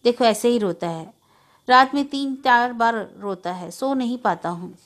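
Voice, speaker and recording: A woman's voice: fairly high pitch, a little slow, lightly acted. A woman voicing a stern, weary widowed elder brother, speaking in a heavy, burdened way.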